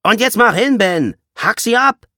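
A man reading an audiobook, voicing a brutal teenage gang leader who mocks and shouts orders. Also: mid-range voice, big pitch swings, moderate pace, no room sound, studio quality, voice pushed up. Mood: shouting. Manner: shouting, mocking.

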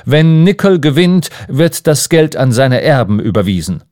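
A sober, earnest grown man who gives firm instructions, as an audiobook narrator puts him on. His delivery stays matter-of-fact, with a lively rise and fall. The sound is dry and close. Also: medium pitch, moderate pace, no room sound, natural voice. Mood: calm. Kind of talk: audiobook character reading.

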